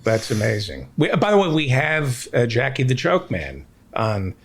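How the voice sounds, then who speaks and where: A man's voice: mid-range voice, wildly swooping pitch, moderate pace, creaky, husky. A man hosting a casual talk show, rambling through questions to his guests. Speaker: podcast host. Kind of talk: casual chat.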